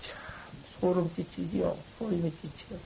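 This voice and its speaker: A man giving a dharma talk to monks, folksy and colloquial, swinging from loud exhortation to low murmurs. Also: steady tone, moderate pace, creaky, a little hiss or hum, low-quality recording. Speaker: Buddhist monk teaching.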